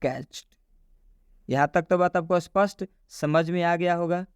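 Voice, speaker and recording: A man teaching English pronunciation, speaking slowly and repeating himself, often asking the viewer questions. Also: high voice, little pitch movement, smooth, no echo. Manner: slow and repetitive, quizzing the viewer with questions. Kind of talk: classroom-style explanation in Hindi.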